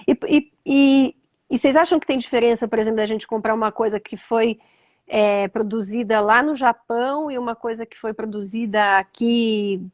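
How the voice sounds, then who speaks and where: A woman with a Brazilian Portuguese accent, gently questioning children in a thoughtful, conversational way and often echoing their answers. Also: fairly high pitch, moderate pace. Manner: thoughtful, repeats answers back, lots of "né?". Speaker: interviewer.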